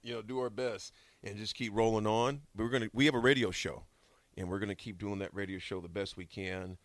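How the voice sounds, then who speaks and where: A man co-hosting a radio show in a casual, halting way, often repeating himself. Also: on the low side, fairly even intonation, dry recording. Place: radio studio.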